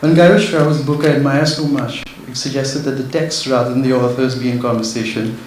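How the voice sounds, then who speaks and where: A man's voice: mid-range voice, steady tone, a little fast. Nervous man speaking in an echoey hall. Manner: nervous, earnest. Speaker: author giving a speech. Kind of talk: prepared literary talk read to an audience. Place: echoey indoor event venue. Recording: very echoey hall, faint background noise.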